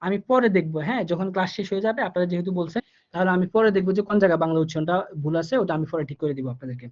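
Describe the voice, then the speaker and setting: A man teaching German numbers in a live online class, explaining each step slowly, repeating himself and asking the students questions. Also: high-pitched, darkish tone. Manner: repetitive, patient, asks the students questions. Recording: dull lo-fi online class audio.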